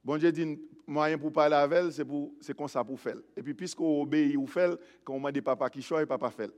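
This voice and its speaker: A man with a Haitian accent preaching a sermon, swinging from shouted exhortation to quiet asides and mixing Creole, French and English. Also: a little high, steady tone, brisk, in a large hall. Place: church.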